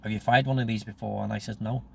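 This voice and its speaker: A Northern Irish man of sixty talks fast in a low, creaky, slightly bright voice with fairly even intonation and a little background noise. In a casual, rambling monologue he recounts his own experiences, performing the remembered dialogue.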